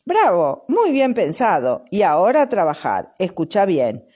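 Woman voicing a patient storybook cow, Rioplatense accent, lively pitch. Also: unhurried, husky, heavily acted. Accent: Rioplatense Spanish. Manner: patient, instructive. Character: patient matter-of-fact female cow.

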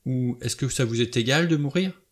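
A man's voice: mid-range voice, moderate pace, lightly acted. A man voicing a nervous, self-reproaching young woman in an audiobook reading. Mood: tense.

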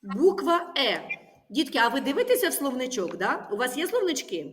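A woman's voice: high voice, very animated, fairly quick, crowd noise. A woman teaching a primary school class, patiently asking questions and repeating the pupils' answers back to them. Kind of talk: classroom lesson.

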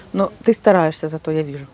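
A woman's voice: low-pitched, a little hiss or hum, low-quality recording. A woman chatting casually in a teasing, wry way as a partner on a cooking vlog. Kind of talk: casual chat.

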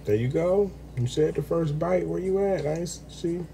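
A man livestreams himself cooking and eating, playfully chatting with viewers and humming over his food. His voice is fairly high, gravelly and warm, at a moderate pace, with slight background noise and the kitchen clatter of clinking dishes, pots, pans and cutlery.

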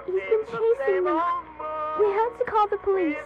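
A woman's voice: very high voice, fairly even intonation, normal speed. A woman voicing a frightened young woman trapped in a building, pleading in a horror game. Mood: panicked. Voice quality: panicked, pleading. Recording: tinny phone-like game audio with loud music.

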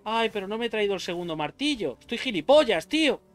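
Frantic, high-pitched gamer yelping. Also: male voice, sing-song, fast talker. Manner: frantic, swearing, yelps and self-talk while fighting a boss. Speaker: gaming youtuber. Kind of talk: excited gameplay commentary. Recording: faint game music behind.

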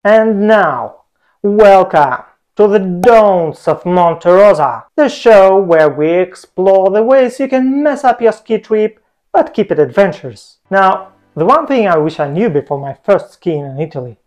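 A man's voice: high voice, expressive, measured pace, darkish tone, soft background music. Playful man vlogging with a lapel mic. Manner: playful, jokey asides. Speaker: travel vlogger. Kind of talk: scripted travel vlog narration. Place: home room, indoors.

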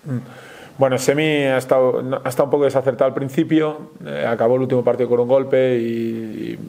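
Calm, low-key Spanish coach, mellow tone. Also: male voice, gravelly. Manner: measured, frequent hesitations and restarts. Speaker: basketball coach. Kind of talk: post-game press conference.

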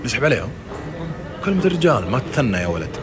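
A young man, bantering loudly and teasingly in a comedy skit, swearing oaths as he goes. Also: medium pitch, very animated, rapid-fire, crowd noise.

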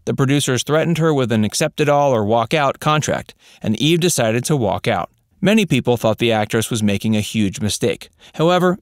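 A man narrating a scripted voice-over, reading facts in an even, read-out way. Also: medium pitch, no room sound, clean studio sound.

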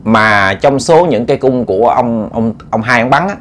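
A male storyteller with a Southern Vietnamese accent narrates a ghost story in an animated, dramatic way. He stumbles and repeats words as he presses the tension, in a mid-pitched voice. Faint background noise sits under the recording. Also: normal speed. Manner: animated, dramatic, repetitive stammering.

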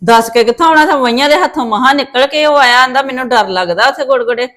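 A woman's voice: sits high, fast talker, a bit bright. A woman playing a stern old grandmother who fusses over her grandson and scolds her daughter in a family drama. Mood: worried. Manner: scolding and fussing. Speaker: maternal grandmother. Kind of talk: Punjabi family drama acting.

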